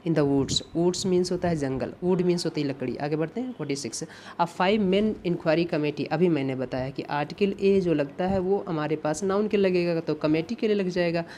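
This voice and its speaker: A man's voice: fairly high pitch, a little mellow, a little hiss or hum. Patient male English grammar teacher. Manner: patient, repetitive, checks in with "ठीक है" and "है ना"; reads English example sentences slowly and deliberately. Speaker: English teacher for exam prep. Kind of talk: exam-prep grammar lesson.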